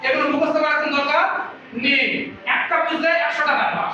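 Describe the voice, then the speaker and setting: A man's voice: very high voice, flat delivery, fast talker, noisy background. A man teaching grammar in a classroom lecture, asking his students questions and answering them himself. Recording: echoey room from a distance.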